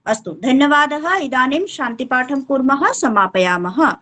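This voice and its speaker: A woman teaching a Sanskrit class, slowly prompting learners and often checking whether they follow. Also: high-pitched, expressive, bright, forceful tone. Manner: chants verses slowly. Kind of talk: online class instruction.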